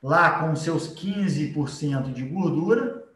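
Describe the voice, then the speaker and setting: Man, Brazilian accent, high-pitched, informal lecturer, conversational explaining, tag questions, roomy echo. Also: takes it slowly, a bit bright, distant mic. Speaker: biology teacher. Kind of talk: informal live lecture with drawing. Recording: echoey room.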